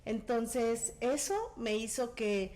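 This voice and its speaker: A woman's voice: on the high side, takes it slowly. A woman, telling a personal story as a guest and acting out the dialogue. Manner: animated storyteller, acts out quoted dialogue. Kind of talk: casual testimony.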